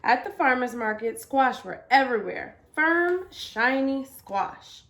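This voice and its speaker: Female picture-book storyteller, higher-pitched, animated intonation, deliberate emphasis. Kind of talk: children's picture book read-aloud.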